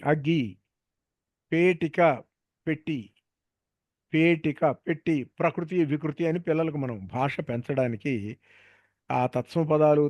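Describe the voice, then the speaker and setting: A man's voice: on the high side, a little mellow, no echo. A man with a Telugu accent teaches a grammar lesson in a somewhat raised voice. He explains patiently and keeps posing questions that he answers himself. The recording is dry and close, with no room sound. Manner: patient, asks and answers his own questions.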